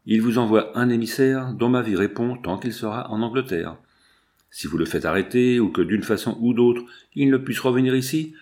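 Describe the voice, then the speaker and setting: A man reading a young male captive's dictated letter in a subdued, measured, grave manner. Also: mid-range voice, a little mellow, natural voice.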